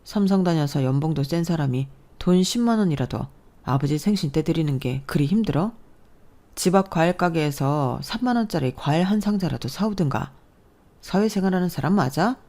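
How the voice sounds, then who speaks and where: A woman's voice: low-pitched, lively intonation, a little fast, dark tone. A woman voicing a blunt, direct husband in a storybook narration.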